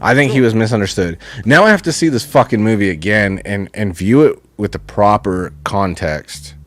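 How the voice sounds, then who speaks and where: Canadian dude on a stream, low voice, pitch swings around a lot, relaxed and cussing. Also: male voice, normal speed, no room sound. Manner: loose, laid-back, swearing freely. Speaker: co-host. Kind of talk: casual live-stream chat.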